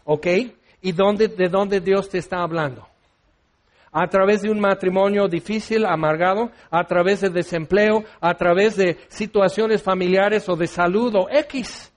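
A male preacher giving a sermon, questioning his listeners and telling stories in a lively way. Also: high-pitched, unhurried.

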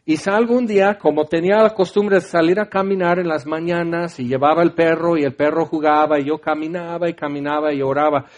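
A man's voice: fairly high pitch, steady tone, a little fast, hardly any pauses. A middle-aged man with a Mexican accent preaching a heartfelt personal testimony in a conversational way, often restarting his sentences. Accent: Mexican Spanish. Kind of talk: testimony sermon.

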